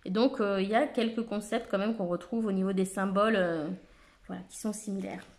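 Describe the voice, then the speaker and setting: A woman's voice: medium pitch, fairly even intonation, fairly quick, darkish tone. A woman casually presenting an oracle card deck, reading out lists of keywords with frequent hesitations and fillers.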